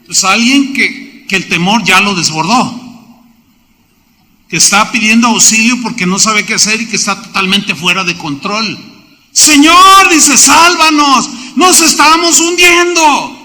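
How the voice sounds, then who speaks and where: A man preaching from the pulpit in a high, piercing voice. He drives the sermon with lively questions to the congregation, and the sound rings out with a long reverb through the church hall. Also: normal speed. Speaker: pastor.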